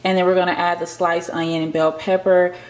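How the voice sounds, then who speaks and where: Faint noise from a kitchen vent fan runs under this casual cooking vlog. The young woman, a lifestyle vlogger at home, reads out recipe steps and adds playful remarks for viewers, her low-ish voice flat in delivery and fairly quick.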